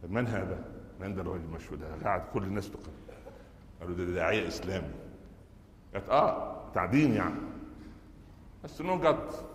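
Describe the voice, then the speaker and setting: A middle-aged Egyptian man preaches at a quick clip, weaving stories and tossing rhetorical questions at his listeners. His voice rings through a large hall with a long, echoing tail. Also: on the low side, a little hiss or hum. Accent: Egyptian Arabic. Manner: storytelling, asks the audience rhetorical questions. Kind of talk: Friday sermon. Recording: echoey hall with long reverb.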